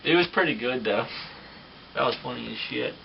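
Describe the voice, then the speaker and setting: A man's voice: medium pitch, brisk, creaky, highs cut off, a little hiss or hum. A young man, a guest on the show, tells casual stories in slangy, profane talk full of fillers. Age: young adult. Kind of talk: casual storytelling. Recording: distant mic with music behind.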